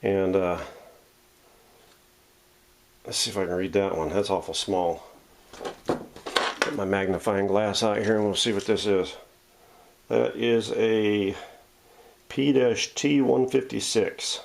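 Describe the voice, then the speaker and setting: A vintage radio restoration host talks through an unscripted workshop demo at home, narrating every step while handling parts. He speaks slowly in a lowish, gravelly voice with fairly even intonation and long pauses, over a noisy background.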